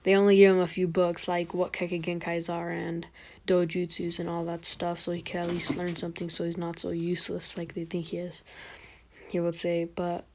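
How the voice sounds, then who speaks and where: Flat, low-voiced young woman storyteller. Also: a little hiss or hum. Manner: rambling, halting, many fillers. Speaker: fan storyteller. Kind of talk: improvised story narration.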